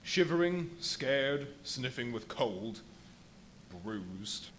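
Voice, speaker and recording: Radio drama: male actor as boastful, unstable invisible scientist, animated middle-register delivery, dramatic pauses, live recording with slight background noise. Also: mid-range voice. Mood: agitated. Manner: dramatic, literary phrasing with emphatic pauses. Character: the Invisible Man, a feverish, boastful, volatile male scientist recounting crimes. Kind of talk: live radio play monologue, theatrical storytelling. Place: live performance at a brewery venue. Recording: live stage performance with audible background noise.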